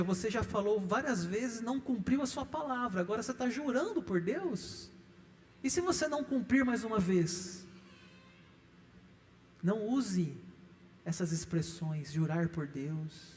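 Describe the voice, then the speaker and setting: A man's voice: high-pitched, darkish tone. A middle-aged male pastor with a Brazilian Portuguese accent, preaching emphatically in a church, stressing points with rising repeated lists. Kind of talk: sermon teaching. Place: church hall. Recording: echoey church hall.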